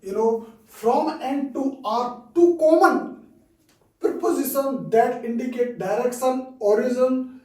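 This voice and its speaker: A man with an Indian English accent teaches at an unhurried, deliberate pace. His voice is soft and mellow, and he repeats his examples and keeps saying "okay". He sounds set back from the microphone in an echoey room. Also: very high-pitched. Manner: repeats phrases, frequent "okay" checks. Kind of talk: slow explanatory lesson. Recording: roomy echo, distant mic.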